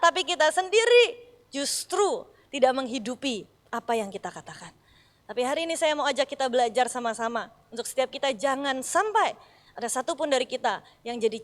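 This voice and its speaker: Her voice runs on the high side as she preaches in a large church hall. A middle-aged woman pastor from Bandung, West Java, with a Sundanese accent to her Indonesian, she tells stories vividly, performs the dialogue herself, and speaks to the congregation as "saudara."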